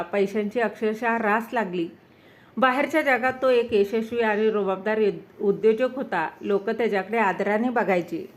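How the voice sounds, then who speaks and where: A woman storyteller reading an emotional story in a dramatic, expressive, scripted narration style. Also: fairly high pitch.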